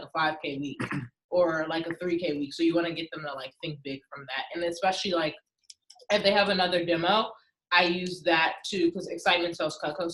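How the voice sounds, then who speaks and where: A woman's voice: on the low side, fairly bright tone. A woman in a sales training, talking casually and chattily with many fillers. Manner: chatty, with frequent likes and laughs. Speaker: sales team member in a training. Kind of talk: casual group discussion. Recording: echoey room, faint noise.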